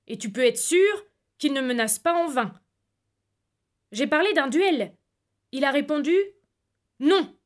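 A woman reading aloud voices a stern, angry older uncle who scolds and lectures gravely. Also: high voice.

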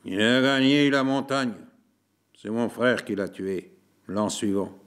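A man voicing a tired, sickly Corsican man who speaks in a slow monotone in a storybook reading. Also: mid-range voice. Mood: resigned. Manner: slow monotone, dragging words. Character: weary Corsican man, consumptive, placid.

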